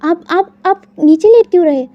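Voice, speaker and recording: A woman's voice: very high-pitched, expressive, normal speed, dry recording, highs cut off, pitched above the performer's own voice. A woman voicing a clingy young man who whines, stammers and sobs like a child. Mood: insistent. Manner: stammering, whiny, sobbing pleas.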